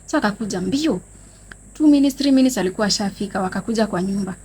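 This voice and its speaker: A young Kenyan vlogger speaks at a quick pace in a medium-pitched, Kenyan-accented voice, telling viewers a dramatic story from her life. Addressing them as "guys," she narrates with animated drama, moving between Swahili and English in a casual storytime vlog, with slight background noise.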